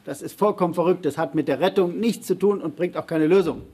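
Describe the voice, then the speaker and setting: A man on a panel answering audience questions in a public debate, arguing emphatically and often pausing on fillers and restarts. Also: high voice, dark tone, husky.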